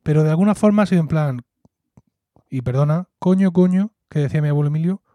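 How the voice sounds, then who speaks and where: Murcian man, warm mellow voice. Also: a little high, lively intonation, quick pace, dry recording. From Murcia, Spain. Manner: reflective, fond storytelling with frequent "¿no?" tags. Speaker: podcast co-host. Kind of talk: casual conversation.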